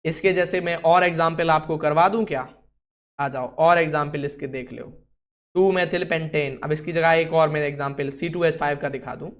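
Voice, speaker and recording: A man's voice: a little high, fairly even intonation, normal speed. A man teaching a chemistry class, asking the students questions and answering them himself, and telling someone else what to write on the board. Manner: instructs someone writing on the board. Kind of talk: classroom lesson.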